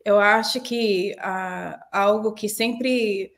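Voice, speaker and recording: A woman who is a podcast guest, answering slowly as she searches for her words. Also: mid-range voice, fairly even intonation, gravelly.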